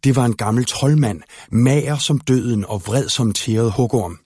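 A man calmly narrating a fairy-tale storybook aloud. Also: mid-range voice, breathy edge, dry recording, studio quality. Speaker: audiobook narrator.

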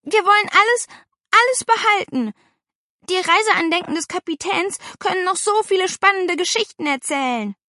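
A woman voicing an excitable little girl with a big appetite, coaxing and eager in an audiobook. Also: very high voice, brisk, few pauses, dry recording, studio quality, voice pushed up, full character voice. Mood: pleading.

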